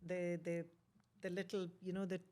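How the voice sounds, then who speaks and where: Low-pitched Indian-accented woman, emphatic and repetitive. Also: monotone, normal speed, dark tone. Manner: emphatic, repeats words and short phrases. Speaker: interview guest, author. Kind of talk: reminiscing in a conversational interview.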